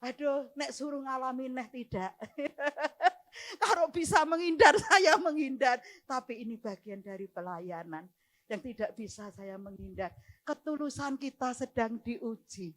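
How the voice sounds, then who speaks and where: A woman's voice: high-pitched, a little slow, fairly bright tone. A middle-aged woman with a Javanese accent gives an emotional sermon testimony as a church minister, often laughing and close to tears. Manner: emotional, laughing and near tears as she retells.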